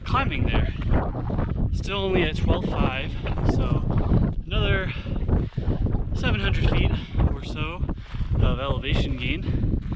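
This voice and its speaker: Laid-back man vlogging in loud wind. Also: high-pitched, very animated, slow pace, pauses often. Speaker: hiking guide vlogger. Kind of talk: casual trail vlog narration to camera. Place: outdoors on a windy mountain ridge. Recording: loud wind buffeting the microphone outdoors.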